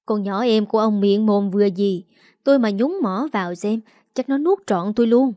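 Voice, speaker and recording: A woman doing a shrill scheming wife. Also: moderate pace, mellow, no room sound, studio quality, close to an everyday voice. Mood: shrill nagging. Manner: shrill, nagging. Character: scheming young wife, shrill and sharp-tongued.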